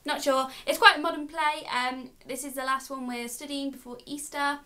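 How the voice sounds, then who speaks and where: A woman's voice: high voice, steady tone, normal speed, sharp tone. A young woman in casual chat as a book vlogger, giggly and saying "like" a lot. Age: young adult. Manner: chatty, giggly, says "like" a lot.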